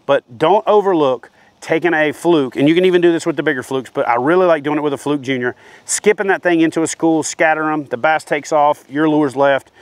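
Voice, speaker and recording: A man's voice: on the high side, brisk, no room sound. A man in his forties giving a practical, hands-on fishing lesson to camera outdoors, speaking into a lapel mic. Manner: practical, steady explaining with hands-on demonstration. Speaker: fishing instructor. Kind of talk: instructional talk to camera. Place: outdoors by a wooden shed.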